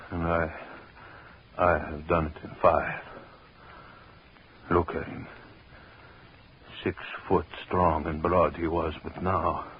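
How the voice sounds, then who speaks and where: An actor playing a vengeful, obsessive husband in a 1940s radio horror drama, brooding and gloating with menace. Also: male voice, low-pitched. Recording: muffled, noisy 1940s radio recording.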